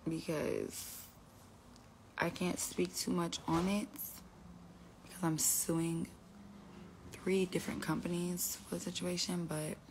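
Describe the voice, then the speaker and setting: A young woman at home chats casually into a phone held close for a selfie-style live stream, rambling and letting her sentences trail off. Her voice is lowish with little pitch movement, and she talks slowly with frequent pauses. The audio is poor, with a little hiss or hum.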